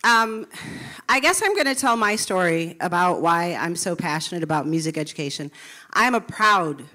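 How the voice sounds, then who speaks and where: A woman's voice: fairly low pitch, expressive, normal speed, sharp tone. A woman in her thirties from Milwaukee, a public school music teacher, telling her own story in earnest at a live talk on stage. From Milwaukee, USA.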